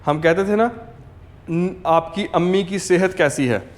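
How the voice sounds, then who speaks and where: Slow, patient high-voiced male teacher. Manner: patient, repeats words for learners to copy, says "ok" often. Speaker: language teacher. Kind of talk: slow step-by-step language lesson.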